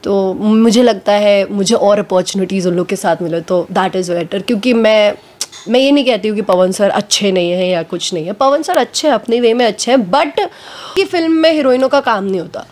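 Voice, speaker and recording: A woman actress giving a casual interview at home, talking frankly and a little hoarse from a cold, slipping English phrases into her speech. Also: mid-range voice, moderate pace, darkish tone.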